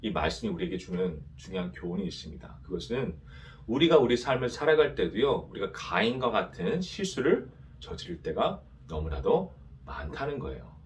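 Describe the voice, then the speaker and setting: A man's voice: low voice, sing-song, normal speed, slight background noise. A male pastor preaching to a young adults' service, asking rhetorical questions and having the congregation repeat after him.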